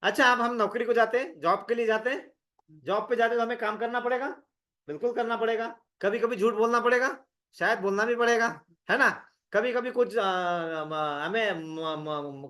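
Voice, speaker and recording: A man's voice: high voice, moderate pace, a bit bright. A man leading an interactive scripture class in a conversational way, quizzing his listeners and repeating words for emphasis. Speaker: scripture study leader.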